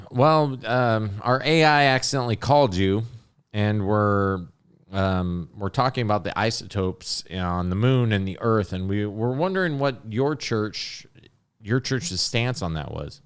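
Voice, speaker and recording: A man with a lower-pitched voice hosting a casual podcast chat. He jokes around in a mock-exasperated, teasing way. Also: measured pace, smooth. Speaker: podcast host.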